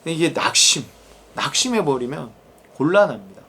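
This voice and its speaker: A man preaching a sermon as a pastor, animated and vivid, acting out the inner voices of the people he describes. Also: a little high, moderate pace, husky. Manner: animated, acts out quoted inner voices and God's address.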